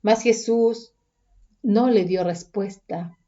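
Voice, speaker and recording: A woman reading scripture aloud, calm, deliberate and even. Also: mid-range voice, dull audio. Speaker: Bible reader.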